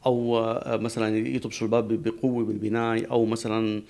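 A man's voice: on the low side, little pitch movement, quick pace, a little mellow. A man, a guest expert on a talk show, explaining at length with frequent restarts.

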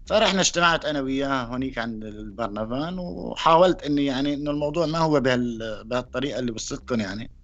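A man from Syria with a Syrian accent, giving a personal testimony in a halting way, with frequent pauses and restarts. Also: medium pitch, animated, a bit bright, dull audio. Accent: Syrian Arabic. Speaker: interviewee.

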